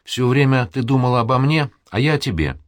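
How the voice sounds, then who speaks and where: A man's voice: mid-range voice, lively intonation, a little fast, no room sound, clean studio sound, pitched above the performer's own voice, natural voice. A man reading the part of a passionate young man who pleads for love. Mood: pleading. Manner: impassioned, pleading.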